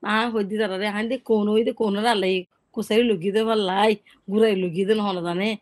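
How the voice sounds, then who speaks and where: A woman's voice: medium pitch, fairly even intonation, fast, darkish tone. A woman who is a native Rohingya speaker, giving a conversational first-hand account and often repeating words. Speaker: interviewee recounting an eyewitness experience.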